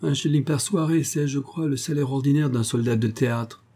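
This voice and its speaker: A man doing a sneering jaded young gentleman. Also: medium pitch, a little fast, voice pushed up, natural voice. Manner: sneering, mocking, indifferent. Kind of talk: audiobook character voice.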